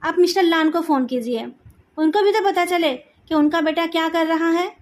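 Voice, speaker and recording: A woman's voice: extremely high pitch, moderate pace. A woman voicing an angry, controlling middle-aged mother who scolds her daughter, in a fan story read aloud. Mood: angry scolding. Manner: scolding, raised voice.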